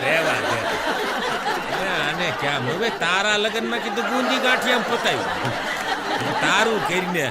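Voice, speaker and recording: A middle-aged man, telling stand-up jokes in an animated way, laughing at his own punchlines and breaking into bits of song. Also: sits high, heavy background noise. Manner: sings snatches of folk and film songs. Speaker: stand-up comedian. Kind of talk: Gujarati stand-up storytelling. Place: stage show before an audience in a hall.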